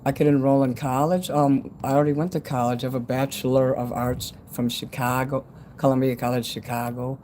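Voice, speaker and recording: A man's voice: medium pitch, fairly quick. Man in his fifties with whistling s sounds. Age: 50s. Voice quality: whistling s sounds from a dental retainer. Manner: blunt, rambling, frequently swearing. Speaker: livestream host. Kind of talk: casual livestream chat. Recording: steady background noise.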